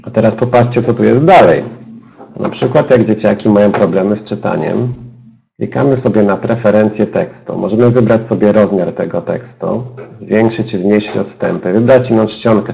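A low, gravelly man's voice with a dark, mellow tone gives a step-by-step software demonstration. He speaks to his listeners directly, like a trainer in a webinar. The audio is dull and lo-fi. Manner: explanatory, addresses listeners directly.

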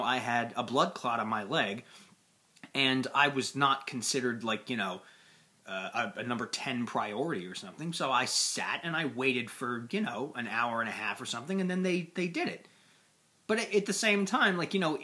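A man's voice: medium pitch, pushed and bright. A young American man delivering an exasperated, conversational stand-up style rant, recorded in a small room at about arm's length from the device. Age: young adult. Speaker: amateur comedian. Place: small plain indoor room.

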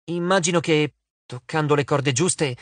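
A man's voice: on the high side, unhurried, no room sound, close to an everyday voice. A man voicing a clever, determined teenage girl for a storybook, talking in a coaxing, persuasive way.

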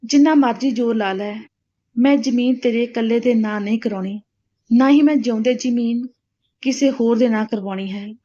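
A woman voicing a gruff old farmer uncle. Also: on the high side, normal speed, dark tone, lightly acted. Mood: stern. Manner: gruff, scolding. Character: stubborn angry old male farmer uncle. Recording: dull lo-fi recording.

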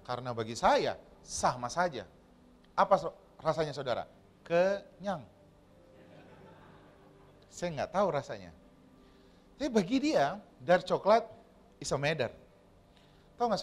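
A male pastor preaching a lively sermon in a church. His voice sits high and swoops up and down as he keeps turning to the congregation with questions. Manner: animated preaching, often asking the congregation questions. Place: church hall.

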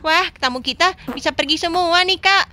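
A dutiful girl who complains and scolds, played by a woman. Her voice is high and bright, with a whiny, scolding edge in a game role-play. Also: normal speed, slight background noise. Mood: complaining.

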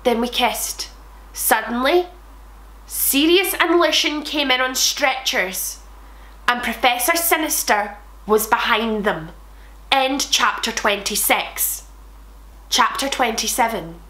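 Woman host, comedic reading, sarcastic and swearing, higher voice, echoey room. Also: takes it slowly, pushed and bright. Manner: sarcastic, laughs at the text, swears freely. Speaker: host reading fanfiction aloud. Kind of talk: comedic dramatic reading with asides.

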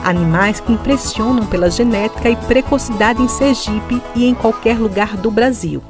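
Woman doing tv news voiceover, scripted read, loud music under it. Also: a little high, normal speed. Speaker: TV reporter. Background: loud background music.

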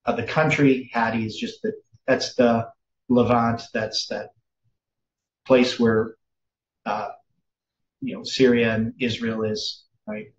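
A man's voice: medium pitch, fairly even intonation, slow, long pauses, highs cut off. Hesitant middle-aged man teaching, roomy sound. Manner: conversational, hesitant, many fillers and restarts. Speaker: Bible teacher. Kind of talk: teaching sermon with screen share.

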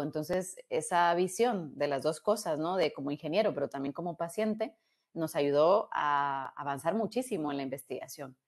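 Speaking from a small room over a video call on an earbud headset, a Guatemalan-accented woman in her thirties casually recounts her career. She's relaxed and reflective, frequently restarts words, tacks on tag questions, and her voice sits low.

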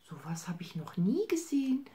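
A woman voicing a calm male animal doctor in a soft whispered role-play. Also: high voice, voice pushed up. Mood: soothing. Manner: soft, hushed and slow.

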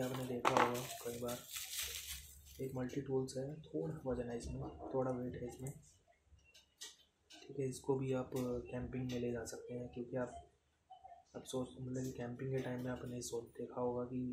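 A man, casually demonstrating camping gear in an unscripted way and filling pauses with "theek hai". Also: mid-range voice. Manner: unscripted, repeats "ठीक है", counts items aloud. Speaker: product reviewer. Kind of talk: casual unboxing demo. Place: room with tiled floor, indoors. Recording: echoey tiled room, noisy.

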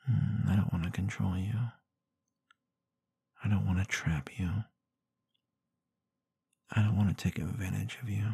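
A man playing a tender, protective, gently dominant boyfriend in an intimate ASMR role-play, murmuring breathy, husky reassurance with soft hums, close to the microphone. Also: low-pitched, dry recording, full character voice. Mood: tender, adoring. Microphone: close microphone in a dry space.

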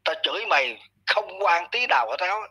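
Male commentator, husky and sharp-edged, blunt scolding rant, talks down to his target. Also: high-pitched, lively intonation, normal speed, low-quality recording. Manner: blunt, scolding, addresses listener harshly. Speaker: online commentator. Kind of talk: ranting commentary monologue.

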